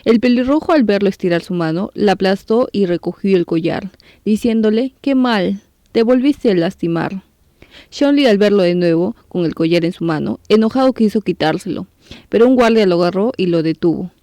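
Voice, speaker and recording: Warm-voiced woman narrating a story. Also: mid-range voice, fairly quick, dry recording. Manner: steady, even storytelling read. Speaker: narrator of a manga recap channel.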